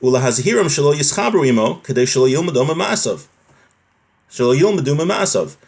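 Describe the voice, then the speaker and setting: A man with a gravelly, darkish voice, pitched on the high side, gives an informal lesson in religious law at a quick pace with lively intonation. He reads Hebrew phrases from a text, then explains them plainly and conversationally, posing rhetorical questions.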